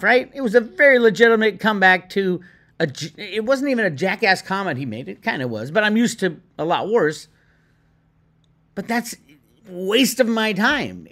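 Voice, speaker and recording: A man hosting his own online video channel, ranting in a casual, animated way with lots of restarts and indignant asides. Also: sits high. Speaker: crypto video host. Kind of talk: casual commentary to viewers.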